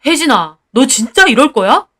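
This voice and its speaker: A woman's voice: fairly high pitch, big pitch swings, takes it slowly, bright, forceful tone, heavily acted. A woman voicing a defensive, short-tempered young husband who complains in snappish bursts. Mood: exasperated.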